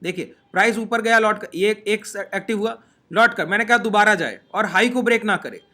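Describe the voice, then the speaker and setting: Speaking briskly, a man teaches trading over a shared screen. His high voice is bright and forceful, and he moves through each step while checking in with the people listening.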